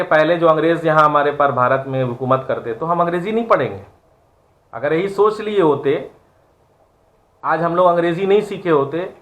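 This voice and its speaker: A man's voice: fairly high pitch, fairly bright tone. Earnest man giving a moral lecture. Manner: earnest, preachy, rhetorical questions. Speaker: online class teacher.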